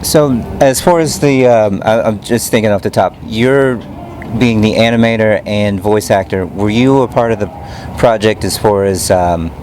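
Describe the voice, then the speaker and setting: Halting male interviewer with background noise. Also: fairly low pitch. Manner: halting, tentative, repeats words. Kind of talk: casual questioning.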